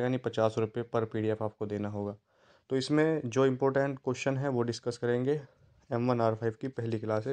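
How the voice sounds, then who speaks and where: A man's voice: medium pitch, darkish tone, smooth. A man teaching an exam-prep lesson online, repeating key terms and checking in with his students. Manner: repetitive, stresses key terms and checks in with "theek hai".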